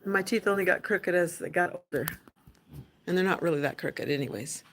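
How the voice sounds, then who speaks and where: A woman's voice: fairly low pitch, fairly quick, a little hiss or hum. A middle-aged woman hosting a family livestream, chatting casually and patiently with her children. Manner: gentle, patient, coaching tone with kids.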